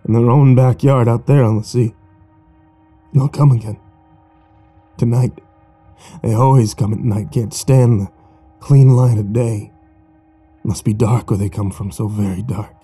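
A man's voice: mid-range voice, fairly even intonation, a little slow, long pauses, warm tone, breathy edge, soft background music. A man voicing a dying man who speaks weakly and fearfully. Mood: fearful, pleading. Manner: weak, haunted muttering.

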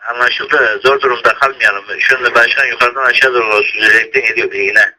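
A man speaking haltingly in short, repeated radio-style phrases over a thin two-way radio or phone line. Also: mid-range voice, fairly even intonation, very noisy.

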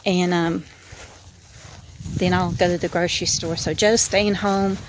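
A woman's voice: fairly low pitch, fairly even intonation, unhurried, slight background noise, low-quality recording. An older woman with an Appalachian accent, chatting folksily to a handheld camera outdoors for her vlog. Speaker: vlogger. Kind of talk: casual vlog talk to camera. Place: outdoors in a rural yard.

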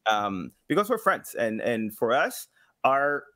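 This man speaks slowly, with a medium-pitched voice, as a podcast guest recording from his home. He's in his thirties, an engagement director and sound designer, and his casual, expressive chat is peppered with acted-out imagined quotes.

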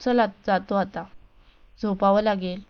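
A woman's voice: medium pitch, fairly even intonation, a little slow, clean tone, muffled recording, natural voice. A woman voicing a playful young man who teases his fiancée affectionately, in a storybook reading. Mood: teasing. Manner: teasing, affectionate.

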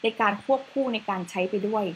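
A woman's voice: fast talker, a bit bright, a little hiss or hum, rough recording. A woman presenting a facial cleanser in a chatty, casual way with slides, adding polite particles to most phrases.

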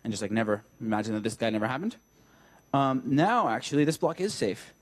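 A young man speaks at a medium pitch and a little fast, giving a technical talk at a meetup. He thinks aloud as he draws on a flip chart, with lots of fillers and restarts. The setting is a meetup room with a projector.

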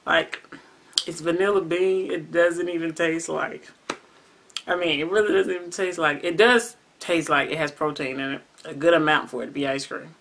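A woman from the US South with a Southern accent, chatting casually and slangily in a taste-test vlog and growing excited as she reacts. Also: deep voice, normal speed, slight background noise. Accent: Southern American. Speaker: vlogger.

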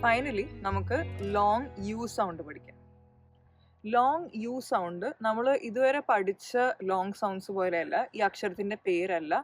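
A woman's voice: medium pitch, unhurried, faint music behind, low-quality recording. A woman hosting her own channel and teaching English pronunciation in a patient, step-by-step explanatory lesson.

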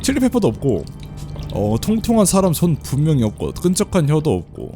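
Male game streamer, animated delivery, chatty and laughing, faint game music behind. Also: fairly high pitch, fairly quick. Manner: chatty, laughs often, reads game text aloud. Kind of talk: casual let's play commentary.

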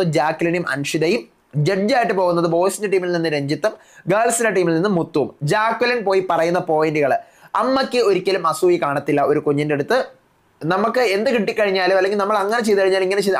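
A man reviewing a reality show episode in a casual recap, retelling each contestant's lines in quick succession. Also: high voice.

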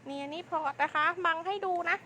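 Female live seller. Piercingly high and sharp, fast hype delivery with insistent, repeated sales lines. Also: steady tone, slight background noise. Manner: insistent, repetitive sales patter. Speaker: live-stream clothing seller.

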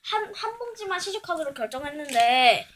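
A very high, child-like voice hosts a casual snack-tasting vlog. The speaker chats while crunching chips, with bag crinkles and clear background noise on the recording. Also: very animated, fairly quick, a bit bright. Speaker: host.

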